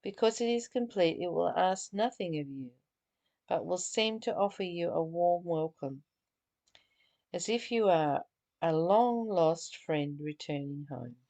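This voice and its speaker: Unhurried and warm, this spiritual teacher reads aloud from a study text for her book group, pausing to offer earnest, reflective thoughts and sometimes stumbling over or repeating phrases. Her voice is lowish with vocal fry and lively intonation.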